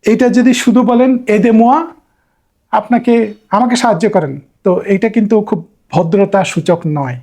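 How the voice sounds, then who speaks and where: Slow, patient, husky male language teacher. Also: high-pitched, mellow. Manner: slow, patient, repeats each word and checks with "hmm?". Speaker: French teacher. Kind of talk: beginner language lesson.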